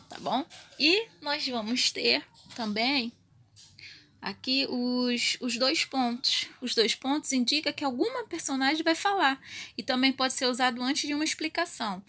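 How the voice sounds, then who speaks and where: Bright high-voiced woman teacher. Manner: explains step by step with frequent check-in tags. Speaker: primary school teacher. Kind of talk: recorded grammar lesson for children.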